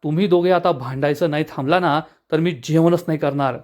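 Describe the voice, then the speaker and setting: A man's voice: on the high side, fairly even intonation, a little fast, darkish tone, natural voice. A man voicing a thin, touchy young man who sulks and complains, in an episode recap. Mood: sulking. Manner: whiny, sulking complaints.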